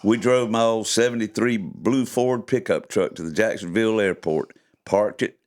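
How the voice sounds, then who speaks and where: A man's voice: fairly low pitch, normal speed, darkish tone. Folksy older man telling stories. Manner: folksy, chuckling, playful delivery. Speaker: podcast host reading his own stories. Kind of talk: casual chat and storytelling read-aloud.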